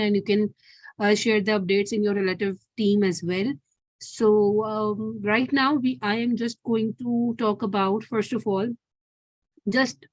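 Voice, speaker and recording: A woman's voice: medium pitch, no echo, highs cut off. A woman hosting an online volunteer coordination call over a video call, talking casually with many fillers and restarts. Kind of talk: casual online meeting talk.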